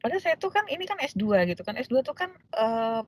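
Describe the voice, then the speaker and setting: A woman lecturer telling a personal story to her class in a lively way, acting out the voices of the people in it, with many fillers. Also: a little high, fast, husky, rough recording. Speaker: law lecturer.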